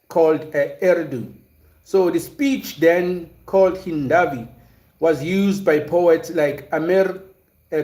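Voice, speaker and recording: A South African man hosts a livestream, casually commenting and reading chat, hesitant and full of fillers, pauses and mid-sentence restarts. His voice is a little high for a man with a darkish tone, and the room gives it a noticeable echo.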